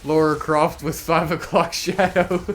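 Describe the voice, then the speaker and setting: Over crowd noise, a middle-aged man casually chats and jokes while streaming a video game, occasionally cursing at it in a laid-back manner. His voice is on the high side, level, and a little slow.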